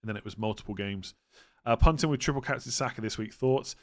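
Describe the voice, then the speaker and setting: With a mid-range voice and a quick pace, a man with a West Country English accent runs a casual fantasy football livestream. He reads out questions from viewers and responds to each in a straightforward, matter-of-fact manner.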